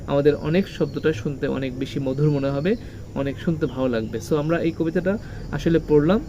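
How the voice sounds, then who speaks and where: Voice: medium pitch, dark tone, a little hiss or hum. A teacher, giving a lesson to children. The teacher asks questions, answers them, and repeats key words with heavy stress. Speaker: English teacher.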